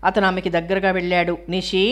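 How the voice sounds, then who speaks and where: A woman narrating a novel aloud in a steady, even storytelling manner. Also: fairly low pitch, normal speed. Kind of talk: audiobook novel reading.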